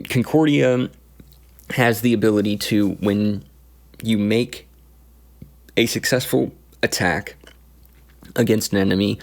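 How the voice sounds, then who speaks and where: A man recounting his tabletop campaign as game master, in a casual, halting way with many pauses and restarts. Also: fairly low pitch, vocal fry. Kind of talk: casual story recap.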